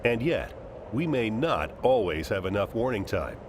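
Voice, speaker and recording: Deep-voiced dramatic documentary narrator, a man. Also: very animated, moderate pace, background noise. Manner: dramatic, portentous delivery. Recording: music under the voice. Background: dramatic music.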